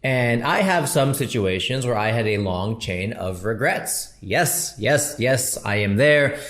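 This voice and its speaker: A man's voice: mid-range voice, expressive, measured pace, fairly bright tone. A man in his thirties hosting a podcast, talking casually and answering a listener in a chatty, slangy way. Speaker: podcast host and comedian.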